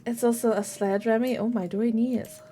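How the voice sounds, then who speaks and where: A young woman chats casually on a gaming stream in a fairly high voice. She swears freely and jumps up into squeals when excited. Soft music plays faintly under her. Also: a little fast. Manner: bubbly, swears freely, greets chat warmly.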